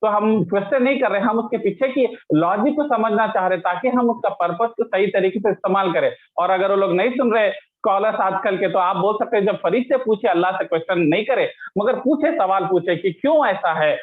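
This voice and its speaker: A man's voice: high voice, brisk, hardly any pauses. A man giving a casual religious lesson, explaining with everyday examples and English words mixed in. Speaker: Islamic teacher. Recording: tinny phone-line sound.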